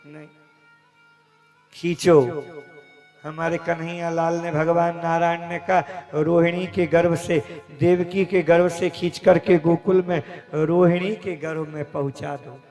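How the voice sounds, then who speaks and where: A man telling a devotional story as a sermon, slowly and dramatically, acting out the dialogue. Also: fairly high pitch, flat delivery, a little mellow, soft background music. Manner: slow, dramatic retelling with acted dialogue. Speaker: kathavachak, religious storyteller. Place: religious gathering, live event.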